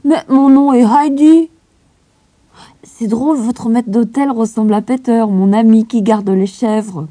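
A woman voicing an outspoken little mountain girl in a storybook, high, earnest and eager. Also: steady tone, measured pace, mellow, no room sound. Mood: eager, innocent. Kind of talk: storybook reading. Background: music.

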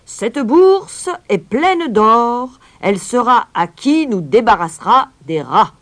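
A woman voicing a blustering middle-aged male town mayor, loud and pompous, in a storybook reading. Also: low-pitched, very animated, moderate pace, breathy edge, full character voice.

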